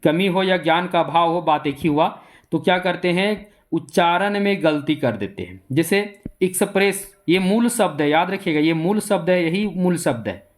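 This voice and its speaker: A man's voice: fairly high pitch, expressive, moderate pace. A man with a Jharkhand Hindi accent teaching exam coaching in a classroom lecture style. He repeats his points and asks rhetorical questions that he answers himself.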